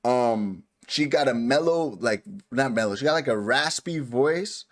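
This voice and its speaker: A man's voice: medium pitch, expressive, measured pace. Rambling casual male podcast co-host. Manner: rambling, filler-heavy, laughs easily. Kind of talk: casual chat.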